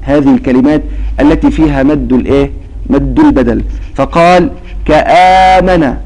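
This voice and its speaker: A man's voice: mid-range voice, a little fast, dark tone, slightly rough, low-quality recording. A man teaching a religious recitation lesson, explaining patiently and quizzing his students with repeated questions. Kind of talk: classroom lesson.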